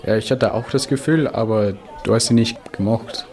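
A man's voice: lowish voice, moderate pace, darkish tone, a faint crowd, close to an everyday voice. A teen boy playing a slangy schoolboy. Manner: slangy schoolkid talk with hesitations. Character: teenage schoolboy Franz, first mean then friendly. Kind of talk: amateur school drama.

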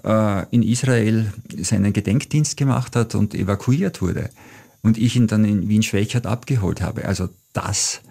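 A man's voice: lowish voice, normal speed, gravelly, dark tone, husky. A middle-aged man from Austria, telling travel stories thoughtfully as an interview guest. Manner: thoughtful, anecdotal, frequent "äh" fillers. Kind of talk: reflective storytelling.

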